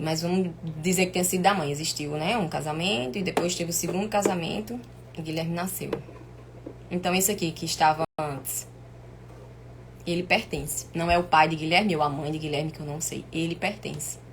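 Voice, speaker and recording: A woman with a Brazilian accent and an inflamed, sore throat, teaching informally on a live stream in an emphatic, didactic way with repeated points. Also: on the low side. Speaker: family constellation teacher hosting a live stream. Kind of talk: informal live lesson to viewers. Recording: clear background noise.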